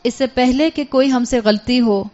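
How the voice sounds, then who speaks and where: A woman's voice: high voice, darkish tone. Earnest woman preacher, dull lo-fi recording. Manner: earnest, exhorting, mixes English words into her speech. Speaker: religious speaker. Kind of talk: religious lecture with storytelling.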